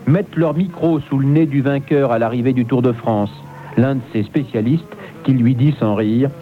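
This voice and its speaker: A man narrates a historical radio documentary from a script. His medium-pitched voice has a narrow radio sound, with faint music behind.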